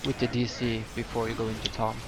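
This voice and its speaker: A man with a lisp and a nasal voice, giving a casual, halting game walkthrough. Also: mid-range voice, completely flat delivery, over loud music. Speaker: gamer giving a healer guide. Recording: clear background noise, keyboard typing.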